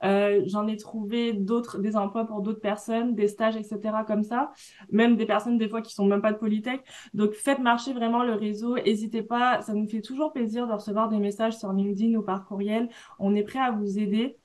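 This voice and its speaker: A woman's voice: medium pitch, little pitch movement, moderate pace, a little mellow. A woman with a French accent speaking as an alumna on a panel, giving students direct, encouraging career advice. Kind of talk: panel talk, advising students.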